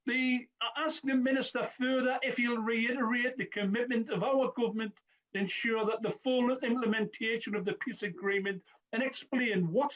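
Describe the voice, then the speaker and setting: A man's voice: sits high, a bit bright, dull audio. A man giving a formal parliamentary speech as a member of parliament, earnest, with occasional stumbles. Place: parliamentary debating chamber.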